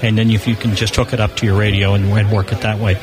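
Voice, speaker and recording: Speaking fast in a fairly low, flat voice, an amateur satellite enthusiast appears as a guest on a live radio broadcast. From a booth on a busy convention floor, he informally explains technical topics while crowd chatter fills the background.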